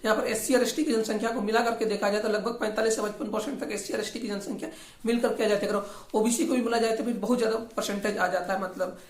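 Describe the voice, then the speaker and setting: The host of a regional affairs channel, a woman with a slightly high voice and fairly even intonation, talks fast through informal political commentary. Her tone is critical and combative, with frequent repetition of her points. Her voice sounds echoey and roomy.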